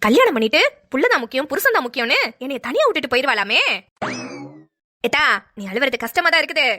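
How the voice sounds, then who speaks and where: A woman's voice: sits high, very animated, fast, pushed and bright, full character voice. A woman voicing a mischievous elderly grandmother in a cartoon, teasing and rustic in manner. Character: mischievous elderly grandmother who fakes fainting. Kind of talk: cartoon voice acting.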